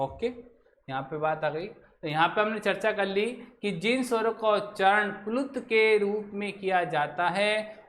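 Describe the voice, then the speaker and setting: A man's voice: high-pitched, a bit bright, a little hiss or hum. A male teacher explaining a grammar lesson while writing on a board, who asks his students questions and then answers them himself.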